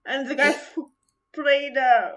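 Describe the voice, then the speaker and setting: Slow, hesitant high-voiced woman. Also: fairly even intonation, poor audio. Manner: hesitant, many ums and uhs, giggly. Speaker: podcast co-host. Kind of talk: casual chat.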